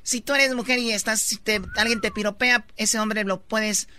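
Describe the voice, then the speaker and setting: A woman's voice: a little high, steady tone, normal speed, bright, forceful tone, a little hiss or hum. A woman co-hosting a radio show, chatting through the coming segments. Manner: chatty, previews the show's segments. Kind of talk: radio show host chat.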